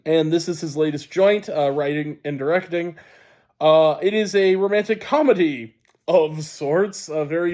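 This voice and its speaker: A man with a fairly high voice reviews films casually. He sounds wheezy and stuffed up in the sinuses, and he talks emphatically with a halting, unscripted flow. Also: a little mellow. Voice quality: wheezy, congested voice. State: sinus congestion. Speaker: film reviewer. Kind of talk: casual spoken movie review.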